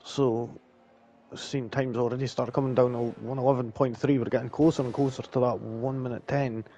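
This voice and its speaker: Mellow Dundee man over clear background noise. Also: mid-range voice, level tone, moderate pace, lo-fi sound. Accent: Dundee Scottish. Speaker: co-commentator. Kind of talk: casual esports racing commentary.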